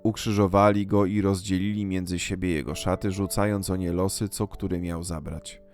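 A man reading a Gospel passage aloud in a solemn, measured liturgical style. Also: deep voice, level tone. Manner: measured, unhurried, reverent delivery. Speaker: scripture reader. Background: soft guitar music.

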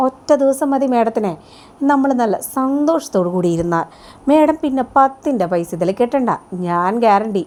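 A woman's voice: on the high side, dark tone, pitched above the performer's own voice. A woman voicing a sleazy male loan manager who pesters a borrower in a storybook-style retelling, talking in a wheedling, smarmy way.

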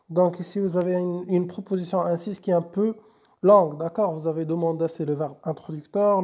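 A woman's voice: on the low side, mellow. Hesitant woman teaching a grammar lesson. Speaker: French teacher.

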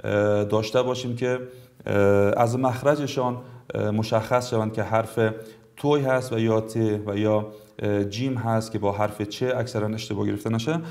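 A middle-aged man from Afghanistan with an Afghan Dari accent, teaching a tajweed lesson in a formal, courteous way and drawling each example word slowly twice. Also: fairly low pitch, fairly even intonation, vocal fry, a little mellow. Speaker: Quran recitation teacher.

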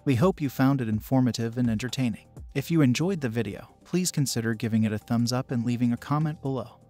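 A man giving scripted narration for an anime video essay, in an even, polished delivery without fillers or slips. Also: mid-range voice. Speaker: channel narrator.

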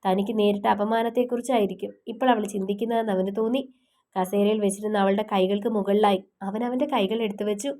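A woman's voice: medium pitch, steady tone, fast talker, mellow. A woman narrating a romance audiobook and chatting to her listeners while congested with a cough. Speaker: storyteller, channel host.

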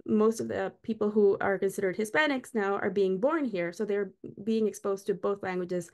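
A middle-aged woman from Costa Rica explains her slides warmly in an online lecture, speaking from a small room via webcam on a video call. Her medium-pitched voice is a little mellow and moves at a moderate pace.

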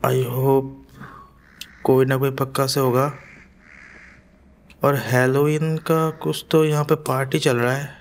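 A man hosting a gaming channel, giving horror gameplay commentary in a deliberately quiet, hushed voice with nervous self-talk as he explores. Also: medium pitch, level tone.

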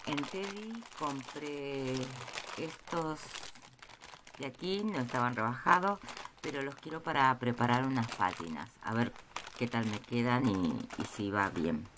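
Slow, hesitant woman showing crafts. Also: a bass voice. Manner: slow, hesitant, with many pauses and fillers. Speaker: craft vlogger showing a haul. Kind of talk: casual show-and-tell narration. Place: indoors at a table. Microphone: camera over a tabletop, speaker off-screen. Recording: noisy room with crinkling packaging.

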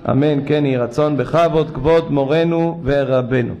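A man's voice: a little high, muffled recording, crowd noise. A man, a rabbi, giving a sermon in a synagogue, telling stories and voicing the people in them. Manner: animated storytelling, acting out voices; rises to loud exhortation.

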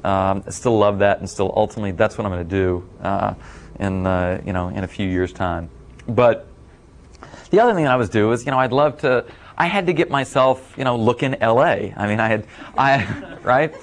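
A middle-aged man telling a casual story at a talk, rambling with many fillers and getting animated when he quotes others. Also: on the low side, normal speed. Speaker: speaker at a talk.

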